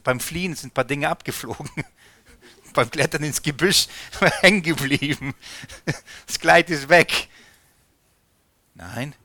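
A man with a bright, forceful voice preaches a conversational sermon. He keeps asking his listeners questions and calls them friends. The sound is dry and close. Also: medium pitch, dry recording. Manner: lively, asks the audience questions and addresses them as friends.

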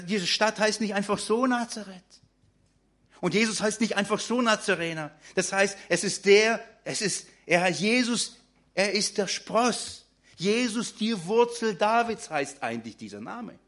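A man's voice: high-pitched, fairly bright tone. A man preaching a sermon in German, talking directly to his congregation with frequent fillers and restarts.

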